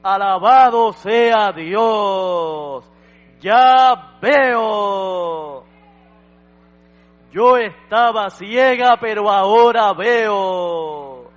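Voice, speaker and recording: A man acting out a young girl who cries out loudly in joy. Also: high-pitched, very slow, long reverb tail, dull audio, pitched above the performer's own voice. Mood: ecstatic. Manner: loud, exclaiming. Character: young girl, once blind, overjoyed.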